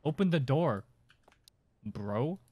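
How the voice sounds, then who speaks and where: A young man streaming horror games with live commentary, jumpy and excitable, speaking into a close desk mic. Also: medium pitch, slow, highs cut off, slight background noise. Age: young adult. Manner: jumpy, excitable, often yelping and screaming. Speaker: game streamer. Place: small bedroom streaming setup, indoors. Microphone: desk microphone close to the mouth, headphones on. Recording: game sounds and clicks behind voice.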